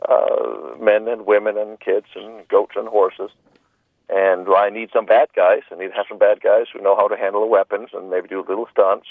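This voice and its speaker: Deep-voiced man on a tinny phone line. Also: no echo. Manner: joking, rambling, with repeated restarts. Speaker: film director being interviewed. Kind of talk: casual radio interview.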